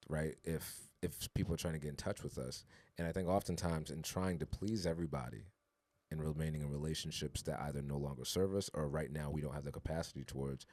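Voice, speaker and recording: A man with a very deep, darkish voice co-hosts a casual podcast conversation, speaking earnestly and reflectively before building to emphatic urging. The recording has no echo.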